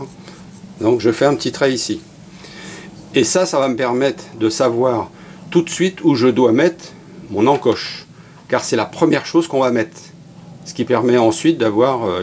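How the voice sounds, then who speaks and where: A middle-aged man giving a relaxed, chatty hands-on workshop demonstration as an archery instructor, with many fillers and asides. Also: mid-range voice, a little hiss or hum.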